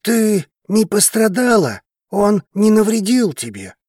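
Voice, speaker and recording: A woman voicing a passionate, devoted male dragon-alien lover, speaking low, slow and hushed as he pleads. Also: very animated, husky, no echo, clean studio sound. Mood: tender. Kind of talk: audiobook character reading.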